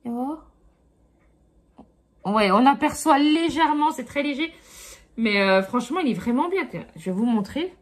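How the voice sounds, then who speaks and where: A woman's voice: sits high, expressive, normal speed, pauses often. A middle-aged woman chatting casually through a haul review, full of fillers and asides to her viewers. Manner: chatty, many fillers like euh and franchement. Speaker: beauty vlogger.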